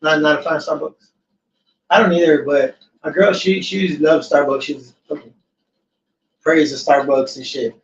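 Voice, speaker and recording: A man's voice: on the high side, moderate pace, creaky. A man hosting a casual podcast chat, laid-back and swearing freely as he tells stories. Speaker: podcast host. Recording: echoey, distant, dull room mic with faint noise.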